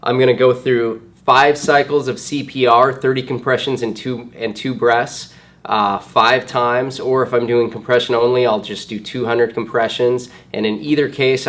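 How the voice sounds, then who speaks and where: A man instructing in first aid, explaining each step plainly during a hands-on demonstration. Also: mid-range voice.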